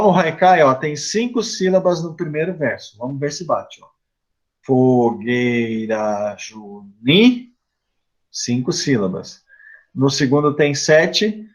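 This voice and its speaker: A man's voice: fairly high pitch, dull audio. A middle-aged man with a Curitiba accent, a haiku poet as guest teacher, patiently explaining to a class and listing examples. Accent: Curitiba, Brazilian Portuguese. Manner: patient and explanatory, lists terms with frequent "né?".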